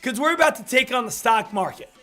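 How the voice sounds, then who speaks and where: A man with a hoarse smoker's rasp, getting over an illness, hosting a high-energy live stream about stock trading. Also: lively intonation, fast, bright, forceful tone, faint music behind. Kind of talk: hyped live stream market commentary.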